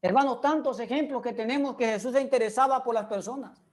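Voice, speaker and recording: High-voiced woman preaching a sermon. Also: fast. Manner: earnest, addresses listeners directly with questions.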